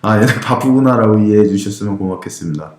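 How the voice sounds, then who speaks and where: A man's voice: on the low side, animated, fast talker, darkish tone, reverberant. A man hosting a casual chat about property auctions, teasing his co-hosts. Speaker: podcast host.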